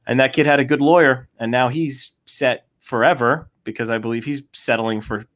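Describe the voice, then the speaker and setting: A man co-hosting a casual podcast chat, animated and joking. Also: mid-range voice, normal speed. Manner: animated, joking, puts on silly voices. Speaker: podcast co-host.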